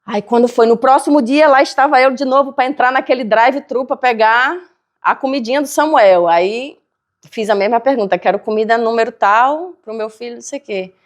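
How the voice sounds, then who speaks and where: A woman co-hosting a faith podcast, telling a personal story with lively acted-out dialogue. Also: a little high, a little fast. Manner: animated, acts out dialogue in her stories. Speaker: podcast co-host. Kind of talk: faith-based storytelling chat.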